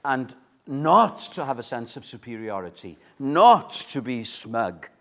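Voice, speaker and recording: A man preaching an evening sermon at a pulpit microphone. He is earnest, swelling to loud emphasis and then dropping low. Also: sing-song, unhurried.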